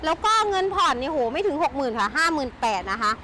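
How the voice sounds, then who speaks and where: A woman's voice: high-pitched, expressive, fast talker, sharp tone. A woman presenting a chatty sales walkaround as a shop host, with gushing, enthusiastic patter. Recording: noisy handheld recording with vehicle sounds.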